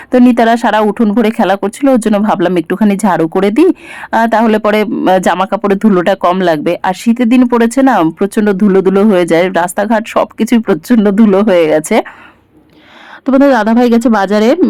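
A woman's voice: mid-range voice, a little mellow, no room sound. A woman talks through her day in a casual home vlog. She is homely and chatty and speaks to viewers as if they were friends. She is recorded in her home kitchen. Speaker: vlogger.

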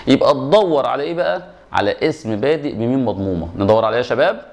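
An Arabic grammar teacher with an Egyptian accent runs an exam review lesson, posing and answering his own questions and repeating the key rules. His mid-range voice is very fast with lively intonation and vocal fry.

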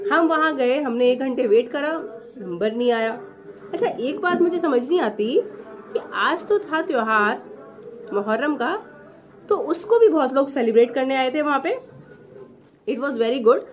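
A woman in her thirties from India, chatting sarcastically to a phone camera in a small room, slipping English phrases into her talk. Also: high voice. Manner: gestures with her hands as she talks. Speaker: vlogger. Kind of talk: casual review vlog.

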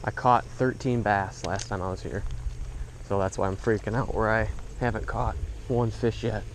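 A young man filming himself bass fishing at a pond, chatting to viewers in slangy, excited bursts. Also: normal speed, slight background noise, low-quality recording. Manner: excited, slangy, talks to viewers as bro and dude. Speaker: fishing vlogger. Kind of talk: casual commentary while fishing. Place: outdoors by a suburban pond. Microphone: head-mounted action camera.

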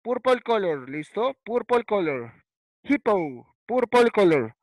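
A very animated man with a high voice teaches a video-call English class for first graders, going slowly and alternating Spanish and English. The primary school teacher repeats words with patience and ends sentences with ¿cierto? and ¿listo?. Audio is dry and poor.

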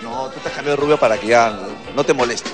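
A man's voice: mid-range voice, fast talker, music in the background. A man in his thirties with a Peruvian accent, a jokey TV reporter bantering casually into a handheld mic. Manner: teasing, jokey. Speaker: TV reporter and interviewer. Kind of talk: casual street interview banter. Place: backstage at a theatre. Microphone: handheld reporter microphone.

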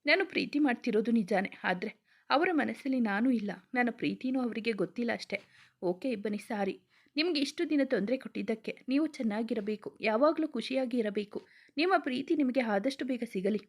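Casting: woman doing a gentle, heartbroken young man for a storybook, soft pleading lines, slightly high. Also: fairly quick. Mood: sad. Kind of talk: storybook reading.

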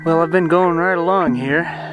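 A middle-aged man casually narrating his backcountry trip outdoors, talking to a handheld camera in an easy, unhurried way with fillers. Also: on the high side, poor audio. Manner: relaxed, unhurried running commentary with fillers. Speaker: hiker filming his own trip. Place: outdoors on a snowy mountain ridge. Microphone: handheld camera at arm's length. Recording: background music over the voice.

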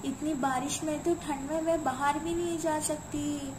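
A woman's voice: high voice, fairly even intonation, unhurried, noisy background. A woman voicing an anxious, caring mother in a doll cartoon, cautioning and fretful.

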